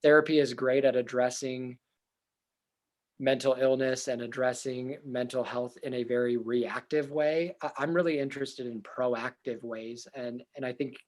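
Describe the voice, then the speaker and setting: Answering interview questions, a young male therapist sounds loud and earnest, his tone steady and his pitch an ordinary middle. At a normal speed, he reflects casually out loud, with frequent fillers, restarts, and returns to earlier points.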